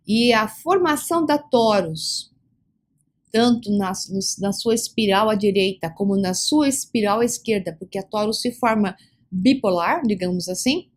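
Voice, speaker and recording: A woman giving a long, rambling explanation in answer to questions, often repeating herself and slowing down to stress terms. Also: fairly high pitch. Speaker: esoteric speaker answering questions. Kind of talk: explanatory talk.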